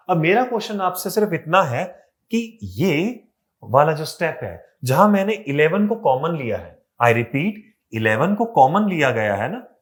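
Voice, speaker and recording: A man's voice: a little high, fairly bright tone. A man teaching an online exam-prep lesson in a mix of Hindi and English, with an Indian accent, explaining step by step and asking and answering his own questions.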